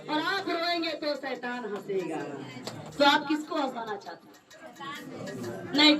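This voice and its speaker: A woman's voice: high-pitched, distant mic. A woman preaching a sermon with fervent, repetitive calls to her congregation. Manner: fervent, repetitive, acts out the story's voices. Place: church meeting hall.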